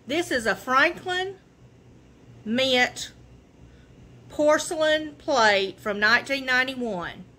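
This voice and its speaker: A woman's voice: high voice, lively intonation, slow, pauses often, bright, forceful tone. A woman, chatting folksily from her living room as she shows off her thrift finds to the camera. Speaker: vlogger showing a thrift haul. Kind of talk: casual show and tell.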